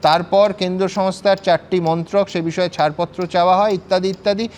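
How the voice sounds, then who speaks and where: A man's voice: high-pitched, steady tone, fairly quick, a little mellow. A man anchoring a televised news debate, pressing guests with pointed questions and cutting in. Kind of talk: studio debate moderation.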